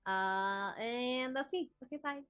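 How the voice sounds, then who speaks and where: A woman's voice: on the high side, measured pace, fairly bright tone, clear, resonant tone, no echo. A woman player chatting in an upbeat way while introducing herself. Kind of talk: casual chat.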